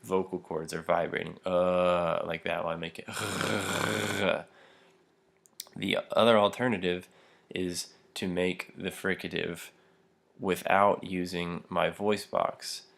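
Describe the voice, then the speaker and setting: A young adult man with a deep, fairly bright voice and some vocal fry teaches a pronunciation lesson. He explains each step in turn, using frequent fillers and small laughs as he demonstrates throat sounds. He is a language teacher.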